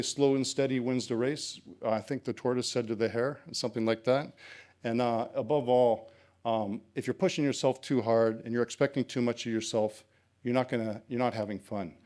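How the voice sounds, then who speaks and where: A man's voice: medium pitch, a little mellow. A man giving a conference presentation for a club, speaking in a casual, encouraging way with plenty of ums and uhs. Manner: casual, encouraging, many fillers.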